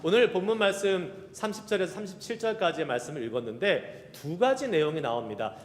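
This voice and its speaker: A man preaching a Sunday sermon as a pastor, lively and joking with the congregation, reciting scripture slowly. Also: a little high. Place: church sanctuary. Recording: reverberant church hall.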